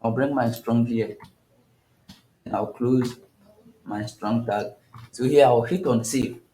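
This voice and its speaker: Slow, echoey male coding tutor. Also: medium pitch, steady tone, warm tone. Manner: unhurried, thinking aloud with frequent restarts. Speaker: coding instructor. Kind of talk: step-by-step screen tutorial. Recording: echoey room.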